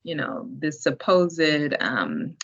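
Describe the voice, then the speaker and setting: A woman's voice: low voice, very animated, takes it slowly, gravelly, a bit bright, husky. A woman hosting a library talk, speaking with admiring enthusiasm. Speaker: program host. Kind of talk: casual discussion on a video call. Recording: muffled lo-fi call audio.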